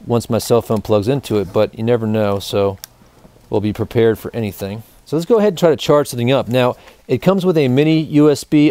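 Hosting a gear review show from an indoor studio with a backdrop, a thirtysomething man shows off a product to camera, chatting informally and addressing his audience as "guys." His voice sits at medium pitch with a slightly mellow quality, and the sound is dry.

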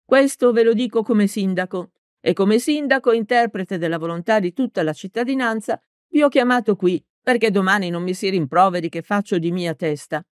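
A woman reading an audiobook, voicing a gruff, blustering middle-aged village mayor who talks bluntly. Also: medium pitch, normal speed, dry recording, studio quality, voice pushed up, close to an everyday voice. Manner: blunt, defensive. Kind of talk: audiobook character voice.

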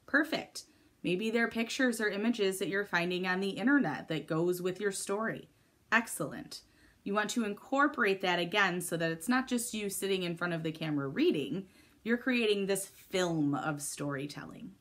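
A woman's voice: mid-range voice, expressive, moderate pace, a bit bright. A woman teacher giving a recorded video lesson to middle schoolers, explaining step by step in an upbeat, encouraging way.

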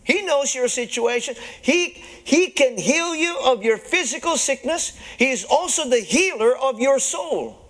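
Man with a very high voice, pastor preaching, chuckles between phrases, calls to the congregation, halting restarts. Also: animated, fairly bright tone. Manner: halting restarts and repeated words. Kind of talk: sermon. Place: church service before a live congregation.

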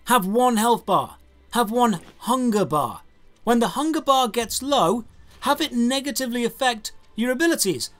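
Over background music, a man in his thirties hosts a scripted game review, his voice very high-pitched and a bit bright. His delivery is emphatic, exasperated and rhetorical.

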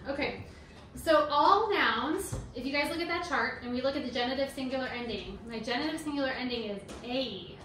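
A homeschooling mom in her thirties runs a Latin lesson, patiently quizzing her kids and checking in with a quick okay. Her voice sits a little high. She is heard from a distance across a roomy kitchen, with faint noise underneath. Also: a bit bright. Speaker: homeschooling mother teaching Latin. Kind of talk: casual teaching at a kitchen table. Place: home kitchen.

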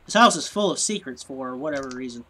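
A man's voice: mid-range voice, lively intonation, quick pace, pushed and bright. A man with a stuffy, sniffly nose, muttering to himself and rambling in puzzlement as he hosts casual let's-play commentary at a desk microphone. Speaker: gameplay video host.

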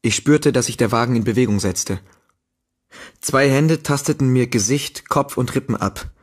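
Man narrating an audiobook, measured. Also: mid-range voice, breathy edge. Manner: measured, steady storytelling delivery. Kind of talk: scripted first-person audiobook narration.

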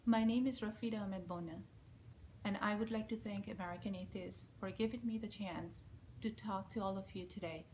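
A woman in her forties, a native Bengali speaker with a Bangladeshi accent, reads a prepared statement as a recorded message in a measured, solemn, steady manner. Her voice is mid-range, and she faces a front-facing camera at close range in a small indoor room with a plain wall. The recording is low quality, with slight background noise.

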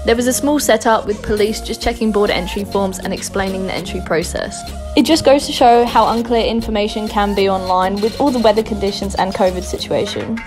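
Young Aussie woman, chatty travel narrator, upbeat tips over loud music. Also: medium pitch, a little fast. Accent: Australian. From Darwin, Australia. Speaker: travel vlogger.

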